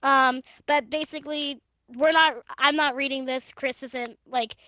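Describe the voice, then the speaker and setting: A young woman with a fairly high voice talks into a gaming headset from home, crude and giggly between flat, monotone reading. The sound is dry and close, with no room around her. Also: measured pace, dry recording. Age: young adult. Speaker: gaming streamer. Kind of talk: casual stream chat and reading fan fiction aloud.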